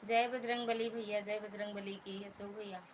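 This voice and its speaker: A middle-aged woman with an Awadhi accent, hoarse from talking, casually chatting with viewers on a live stream and greeting them by name. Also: mid-range voice, level tone, moderate pace, slight background noise. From Pratapgarh region, Uttar Pradesh.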